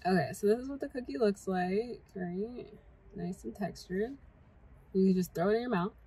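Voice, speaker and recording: A woman's voice: mid-range voice, moderate pace, warm tone, breathy edge, low-quality recording. A young woman vlogger chatting casually while taste-testing snacks, talking with her mouth full at times. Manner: chatty, talks while eating. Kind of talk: casual food taste-test chat. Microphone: camera mic.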